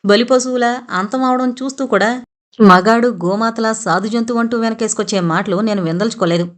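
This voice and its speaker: A woman's voice: on the high side, fairly quick, lightly acted. Woman reading an angry young man arguing. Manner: heated, forceful arguing.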